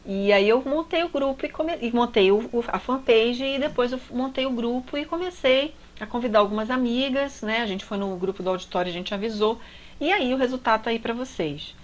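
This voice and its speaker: A woman's voice: a little high, brisk, low-quality recording. A woman with a Brazilian Portuguese accent, a relationship coach telling a personal story in a heartfelt, confiding way. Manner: heartfelt, confiding, frequent tag questions.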